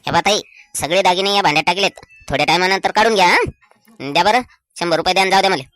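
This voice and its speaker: Performer doing a crafty village con man, coaxing, bright dry voice. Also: mid-range voice, fast, no room sound, lightly acted. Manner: wheedling, coaxing. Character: sly smooth-talking male swindler.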